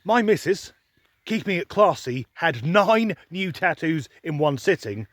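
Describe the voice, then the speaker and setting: Filming himself on a handheld camera, this man from England delivers a sardonic vlog monologue, griping with dry humor and plenty of swearing. He sounds a little high, with lively intonation and an unhurried pace, captured in a dry recording.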